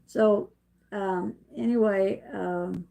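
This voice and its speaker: A woman's voice: medium pitch, fairly even intonation, extremely slow, creaky, dark tone. A middle-aged woman telling a story on her own live stream at home, rambling and chatty, laughing often and restarting her sentences. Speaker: vlogger hosting a live stream. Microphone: camera set up in front of her.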